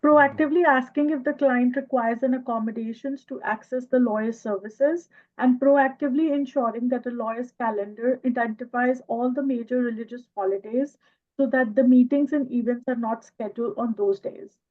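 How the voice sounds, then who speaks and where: A woman's voice: a little high, steady tone, moderate pace. Woman student reading over a thin line. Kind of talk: reading aloud from a textbook. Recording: thin phone-like call audio.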